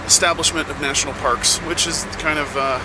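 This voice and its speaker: A man hosting a podcast as a casual, rambling, halting monologue from inside the cab of a truck. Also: a little high, steady tone. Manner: slow, halting delivery with many pauses. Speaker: podcast host; touring musician. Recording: loud vehicle noise in truck cab. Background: loud vehicle and air noise.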